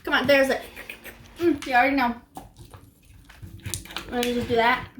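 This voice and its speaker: A woman's voice: high voice, steady tone, normal speed, a bit bright, reverberant, slight background noise. A young woman vlogging casually, chatting and eating snacks as she talks. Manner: chatty, eats while talking. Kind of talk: casual snack-tasting vlog.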